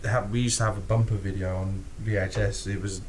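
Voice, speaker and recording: Fast-talking and fairly low-pitched, a British man co-hosts a casual podcast, cursing freely, laughing often and dramatizing quotes with lots of animation. The recording is low quality, with slight background noise.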